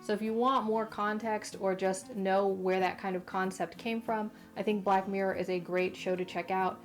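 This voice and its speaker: Casting: female vlog host, chatty and emphatic, mid-pitched, talking post wisdom tooth surgery, music behind her. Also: flat delivery, normal speed. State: mouth affected after wisdom tooth removal. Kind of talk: casual recommendation vlog to viewers.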